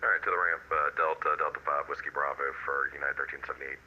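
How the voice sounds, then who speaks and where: A man's voice: very deep voice, flat delivery, fast talker, dull audio. A man as a pilot reading back instructions over aircraft radio in clipped aviation phrases with small hesitations. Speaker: pilot on the radio in online flight simulation. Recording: raspy radio voice channel.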